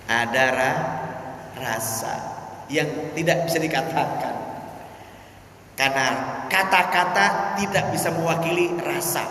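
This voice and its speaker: A male preacher giving a humorous, animated sermon in a mosque. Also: on the high side, unhurried, long pauses. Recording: echoey hall with faint noise.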